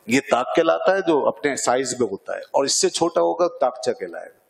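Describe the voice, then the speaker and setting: A man's voice: mid-range voice, sing-song, creaky. Urdu-speaking scholar man in a reverberant hall. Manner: explanatory, asks and answers own questions; slows to recite Arabic verse. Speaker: Islamic scholar. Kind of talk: religious lecture on Quranic verse.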